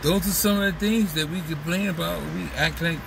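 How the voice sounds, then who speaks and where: A man's voice: a little high, fairly even intonation, brisk, creaky, recorded from a distance, background noise. A man talking through a casual, profane, rambling comedic monologue as a vlog host, slipping into mocking voices. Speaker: vlogger host.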